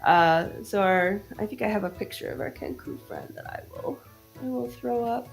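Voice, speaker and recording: A woman's voice: medium pitch, normal speed, gravelly, faint music behind. A woman narrating a tabletop role-playing game as game master, in casual, descriptive speech.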